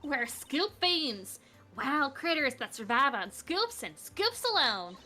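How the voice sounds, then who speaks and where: A gruff, bossy news chief voiced by a woman who drives her staff hard. The voice is high and bright, leaping around in pitch, with faint game music behind. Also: very animated, slow pace, full character voice. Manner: bossy, clipped folksy talk.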